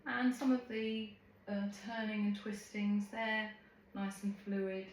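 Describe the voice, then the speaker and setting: A woman instructor giving serene, gentle, unhurried cues in a live tai chi and qi gong class. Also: mid-range voice, steady tone. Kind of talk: live movement class instruction, calm cueing. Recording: very echoey room, faint background noise.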